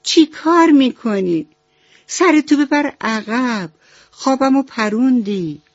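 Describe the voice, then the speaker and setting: A woman's voice: mid-range voice, lively intonation, dry recording, natural voice. A woman voicing a grumpy, bossy mouse who is a foster mother, talking in a curt, scolding way. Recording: slightly dull radio recording.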